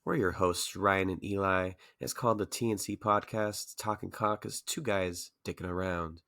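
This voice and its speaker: A man's voice: sits low, steady tone, normal speed, vocal fry, bright, forceful tone. A young man co-hosting a casual podcast, sick with a phlegmy cough, joking and teasing his friend. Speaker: podcast co-host. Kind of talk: casual banter.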